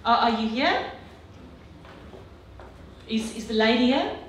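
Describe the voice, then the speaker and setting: A woman's voice: a little high, expressive, slow pace. A woman hosting a live event, addressing the audience in a polished, enthusiastic presenter's manner. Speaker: event host. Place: large echoey indoor venue. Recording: very echoey hall, far from mic.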